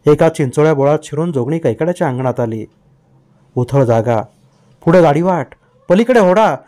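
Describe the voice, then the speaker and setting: A man's voice: fairly high pitch, lively intonation, normal speed, dark tone. A man reading a novel aloud as an audiobook, narrating with vivid storytelling. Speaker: audiobook reader.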